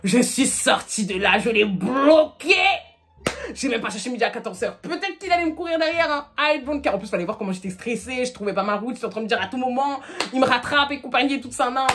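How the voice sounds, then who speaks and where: Fast chatty twenty-something girl, slangy, kinda high voice, telling a storytime. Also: lively intonation, a bit bright. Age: 20s. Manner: chatty, rapid, full of fillers and acted quotes. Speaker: storytime vlogger. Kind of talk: casual storytelling to camera.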